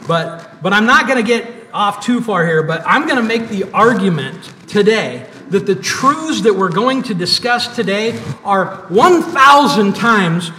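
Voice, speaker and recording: A man with a high voice preaches slowly and deliberately, repeating his key words for weight. His sermon rings through a church sanctuary with long reverb, picked up from a distance with faint background noise. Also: pushed and bright. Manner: preaching with emphatic repetition and pauses. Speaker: pastor. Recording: echoey church hall, mic at a distance.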